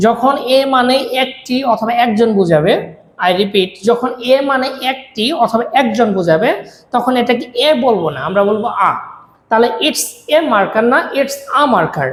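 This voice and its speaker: A woman, teaching a spoken English lesson and repeating drill phrases slowly. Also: fairly high pitch, slight background noise. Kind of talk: explaining English grammar lesson. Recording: echoey room.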